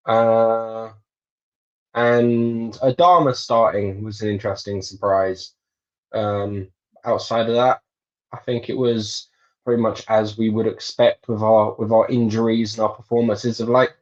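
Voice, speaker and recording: A man's voice: on the low side, level tone, a little slow. A man chatting casually about football as a podcast panellist, on dull audio. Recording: dull, band-limited audio.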